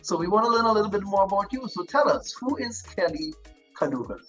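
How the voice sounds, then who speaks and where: A man's voice: sits high, expressive, fast talker, over music. A man hosting a gospel TV interview show, upbeat and chatty, laughing between his questions. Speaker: TV show host.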